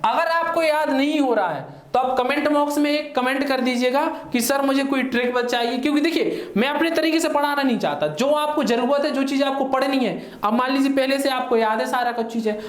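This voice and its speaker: A man's voice: very high-pitched, brisk, hardly any pauses. A male teacher, giving an online exam-prep lesson in a chatty way and often checking in with his listeners. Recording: echoey room.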